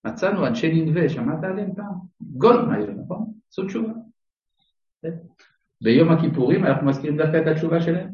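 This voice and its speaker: A man teaching a Torah class to a live audience, questioning his listeners directly and adding dry humorous asides. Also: on the high side. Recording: echoey room, mic far off, dull sound.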